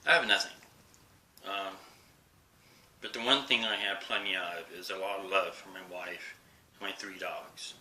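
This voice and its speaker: A man in his forties speaking to a camera in a personal vlog, halting with many pauses and fillers, sometimes dropping to a soft whisper. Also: low voice, fairly even intonation, poor audio. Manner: drops to a soft whisper at times. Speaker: vlogger. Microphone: camera he faces while recording.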